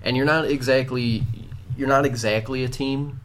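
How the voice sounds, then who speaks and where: A man's voice: medium pitch, steady tone, moderate pace, slight background noise. A man hosting a casual group chat, rambling with fillers and laughing often.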